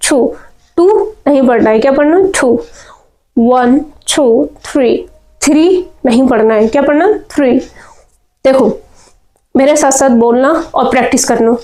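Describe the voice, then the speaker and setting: A woman's voice: sits high, mellow, low-quality recording. A woman teaching spoken English pronunciation, drilling words over and over and asking and answering her own questions.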